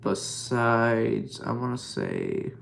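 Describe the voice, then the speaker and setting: A man's voice: medium pitch, huge pitch swings, drawn-out words, gravelly, a bit bright, a little hiss or hum. A man casually talking through a scale model repair, rambling and joking at himself with plenty of fillers. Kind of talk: casual hobby vlog commentary.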